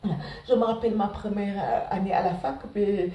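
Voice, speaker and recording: Fast-talking Senegalese woman in her forties. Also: medium pitch, dark tone, far from the mic. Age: 40s. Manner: talks very fast, repeats words, many "voilà" fillers. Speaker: care assistant sharing her study path. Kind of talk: casual spoken testimony to students. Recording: roomy sound, from off the mic.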